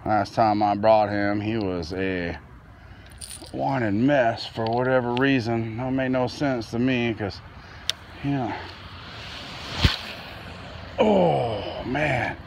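Slow-talking man fishing outdoors at night. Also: mid-range voice, noisy background. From Florida. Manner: relaxed, rambling, talks to his dog. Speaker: fishing vlogger. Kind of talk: casual night fishing narration.

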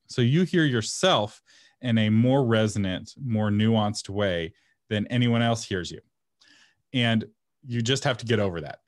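A man's voice: mid-range voice, dry recording, studio quality. A man presenting a webinar and answering audience questions in a casual, frank way, often laughing and sometimes breaking into a passionate rant. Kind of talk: casual Q&A teaching.

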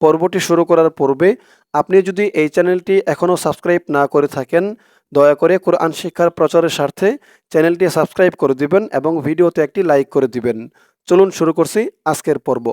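Breaking words into letters and voicing each with care, a man gives a Quran recitation lesson in a clear, smooth, somewhat high and slightly mellow voice. His recitation is slow and drawn out, his explanations brisk and plain, and the close recording has no echo.

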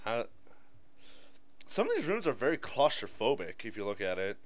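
A man's voice: medium pitch, huge pitch swings, moderate pace. A man giving casual playthrough commentary, sardonic, complaining and sweary. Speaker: gamer. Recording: slightly dull lo-fi mic.

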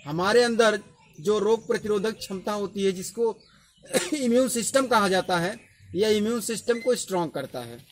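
A man's voice: sits high, animated, normal speed, a little hiss or hum. A man giving a patient educational explainer, repeating key terms as he teaches outdoors. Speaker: educational presenter.

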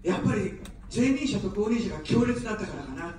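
Woman giving a booming, echoey stump speech. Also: expressive, a little fast, a little mellow, slight background noise. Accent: none, standard Japanese. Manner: joking then earnestly pleading. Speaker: election candidate. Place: outdoor evening rally. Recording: very echoey distant street PA sound.

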